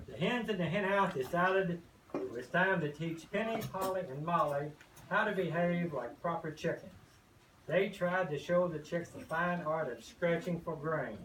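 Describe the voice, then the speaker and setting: An older man with a folksy grandfatherly manner, reading a children's storybook aloud and pausing to explain the pictures to children. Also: fairly high pitch, a bit bright. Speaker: grandfather reading to a first grade class, farmer. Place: echoey indoor classroom. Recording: roomy, distant microphone, noisy background.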